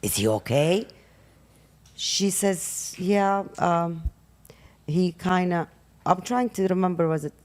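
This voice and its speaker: Expressive woman from Iraq telling stories. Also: lowish voice, slow, pauses often. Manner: expressive, acts out the dialogue in her stories. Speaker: host's mother, hairdresser guest. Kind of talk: casual storytelling.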